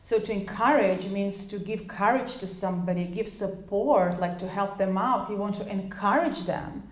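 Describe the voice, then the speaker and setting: Speaking at a normal pace, a Croatian-native woman teaching English chats her way through an informal lesson, often starting sentences over and filling gaps with fillers. Her pitch is middling, and there's an audible echo in the room.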